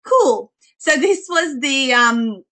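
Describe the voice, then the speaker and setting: A woman with a slightly squeaky voice presenting an informal online coaching call in a chatty way. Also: expressive, slow pace, sharp tone.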